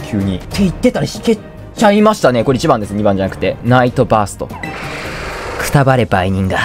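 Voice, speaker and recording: A man giving joking, chatty commentary while playing a video game, often correcting himself. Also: medium pitch. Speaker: let's play gamer. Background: faint game music.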